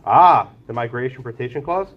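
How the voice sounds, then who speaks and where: A slightly congested law professor, voice lower than usual, calls on students by name in a law school lecture room and presses them with questions. He speaks a little fast at medium pitch, and the sound is phone quality.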